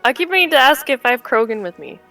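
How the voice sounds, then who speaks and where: A woman's voice: high voice, big pitch swings, quick pace, creaky, sharp tone, soft background music. A woman playing a tabletop game, giggly and chatty. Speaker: player.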